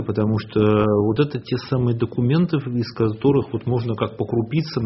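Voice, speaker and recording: A man's voice: fairly low pitch, breathy edge. A man speaking as a historian guest in a radio interview, explaining earnestly in long, building sentences. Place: radio studio. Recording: dull lo-fi radio, faint hiss.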